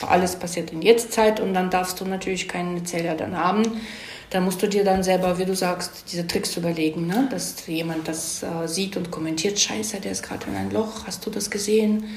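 A woman screenwriter explains things informally in an interview, in a lowish, steady voice at a slightly fast pace, often tacking on little tag questions to check in. The recording is roomy and echoing, with a little hiss or hum.

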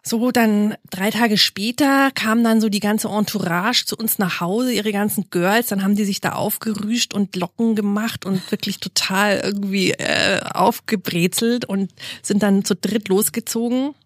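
A lively woman tells a family story, slipping into playful voices for each person. Her pitch sits mid-range, and the sound is dry and close, with no room echo. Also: a little slow, hardly any pauses. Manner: lively, acts out dialogue with funny voices. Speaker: podcast guest, family therapist. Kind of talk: casual storytelling chat.

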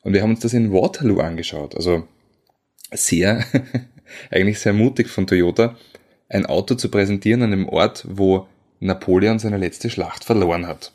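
A man, a car journalist chatting as co-host, relaxed and a bit hesitant. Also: low-pitched, moderate pace. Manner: relaxed, tired, hesitant with fillers. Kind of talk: casual chat.

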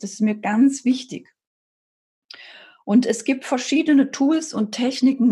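A woman coach delivers a motivational podcast talk in a fairly high, husky voice with a mellow, dark tone. She asks questions and answers them herself, leaning on repetition with an emphatic, preaching cadence.

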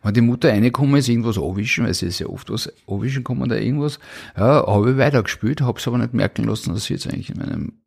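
A middle-aged man with an Austrian accent tells stories from his life in a casual interview as the guest. His medium-pitched, darkish voice carries vocal fry, and he talks very fast.

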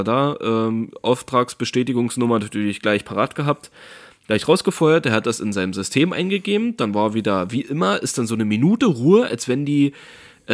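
A man tells a story in relaxed conversation, bouncing his voice up and down and playing the other people in the story. His pitch sits at a middle height. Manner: animated storytelling, acts out phone calls with raised voices. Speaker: storyteller in a casual chat. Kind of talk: casual chat.

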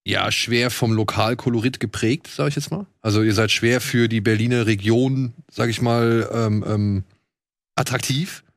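A man's voice: mid-range voice, fairly even intonation, normal speed, dry recording, studio quality. A man hosting a podcast, asking questions in a casual, somewhat hesitant way. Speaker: podcast host.

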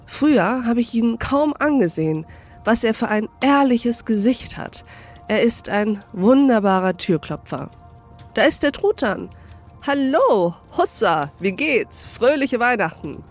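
A woman voicing a gleefully reformed elderly male miser with an excited, chuckling delivery in an audiobook reading. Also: on the high side, unhurried, faint music behind.

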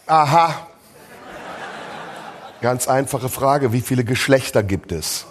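A man's voice: medium pitch, animated, slow pace, background noise. A man hosting a live comedy podcast on stage, ranting in a crude, sarcastic way. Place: live show in a tent venue.

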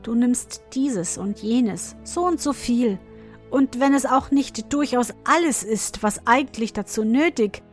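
A wise enchanted goose speaks calmly and knowingly, slow and a little high, as a woman reading the tale voices her. Faint music sits under the voice. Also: natural voice. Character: wise enchanted female goose, calm helper.

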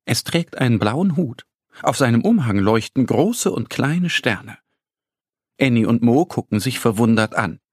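A man narrating a children's story in a gentle, lively storytelling voice. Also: mid-range voice, a little slow, husky, no room sound, studio quality.

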